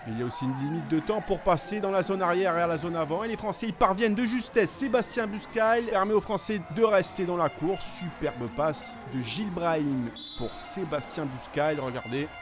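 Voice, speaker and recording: A man giving excited sports commentary, calling the play as it happens with urgency on each attack. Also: high-pitched, a little fast, few pauses, over music.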